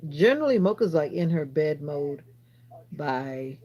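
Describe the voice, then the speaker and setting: A woman's voice: deep voice, animated, unhurried, dark tone, highs cut off. A woman hosting a casual livestream from her phone, chatting straight to viewers and answering their comments with rambling asides. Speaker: livestream host.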